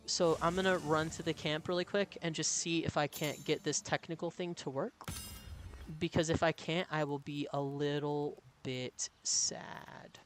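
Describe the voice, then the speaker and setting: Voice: mid-range voice, slight background noise. A game streamer chatting casually and reading out viewer comments in an easygoing way.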